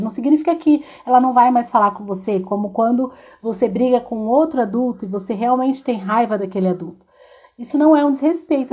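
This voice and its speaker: A woman's voice: a little high, dark tone, dull audio. A woman in her thirties with a Brazilian Portuguese accent, telling stories and giving parenting advice in an earnest, casual way with restarts. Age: 30s. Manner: earnest, storytelling, with filler "é" and restarts. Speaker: podcast co-host and mother.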